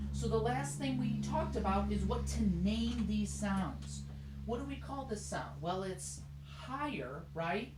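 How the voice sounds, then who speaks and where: A woman's voice: mid-range voice, noisy background. Echoey woman teaching a music lesson. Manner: encouraging, explains step by step, sings short demonstrations. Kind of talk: recorded music lesson for children. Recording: echoey room.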